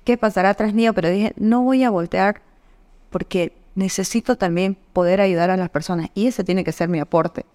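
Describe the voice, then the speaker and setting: A woman on a podcast telling stories from her work, acting out the dialogue with big pitch jumps. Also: moderate pace. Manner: animated storyteller, acts out quoted dialogue with pitch jumps. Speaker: guest. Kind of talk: conversational podcast storytelling. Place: indoor podcast studio.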